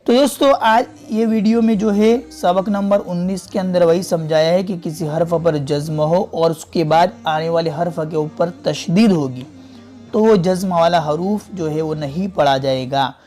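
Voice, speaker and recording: A man teaching a Quran reading lesson step by step, slowly repeating and drawing out each example word. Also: fairly high pitch, mellow, faint music behind. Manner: slow, patient, repeats and stretches out example words.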